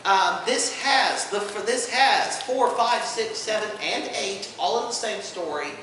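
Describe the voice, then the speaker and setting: In a very echoey room, heard distantly over faint noise, a man hosts a fan convention panel and explains things unscripted, stressing points with enthusiasm. His high-pitched voice sounds pushed and bright, yet he takes an unhurried pace.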